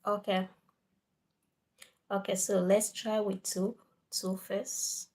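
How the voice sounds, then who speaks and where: Woman live streamer, unhurried casual chat, slips into near whispers. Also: medium pitch, little pitch movement, a little mellow. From Cameroon.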